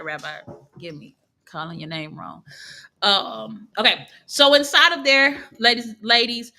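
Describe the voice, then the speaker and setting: A woman's voice: mid-range voice, pushed and bright. A woman teaching an online class in a casual, chatty way, laughing easily and correcting herself as she goes. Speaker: online course instructor. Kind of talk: casual live teaching over screen share.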